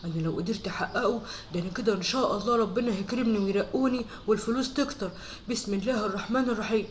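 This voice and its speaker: A woman voicing a busy, pious Egyptian father with a rapid-fire way of talking in a family skit. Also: medium pitch, slight background noise, close to an everyday voice. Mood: muttering prayers.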